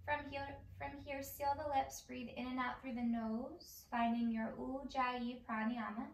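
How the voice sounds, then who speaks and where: A middle-aged woman leads a yoga class in a slightly high voice. Her delivery is measured and calming, with unhurried instructions. The sound is roomy, picked up by a microphone a little way off. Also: far from the mic. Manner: slow, measured, calming guidance. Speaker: yoga teacher. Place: indoor home room, on a mat.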